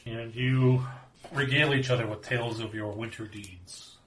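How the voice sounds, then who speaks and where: A man's voice: medium pitch, normal speed, far from the mic. A man narrating and joking as game master in a tabletop role-playing game. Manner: relaxed, joking, with fillers and laughs. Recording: echoey room with faint noise.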